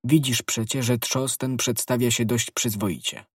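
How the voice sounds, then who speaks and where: A man voicing an anxious, loyal young woman in a storybook, with a husky voice raised well above his own. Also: medium pitch, fairly even intonation, unhurried, no room sound, studio quality, pitched above the performer's own voice. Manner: pleading, fearful.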